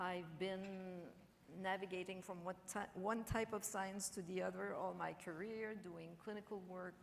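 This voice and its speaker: Woman doctor, panel intro, low and gravelly, thoughtful with fillers. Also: slight background noise. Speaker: infectious disease physician, panelist. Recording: reverberant hall with faint ambience.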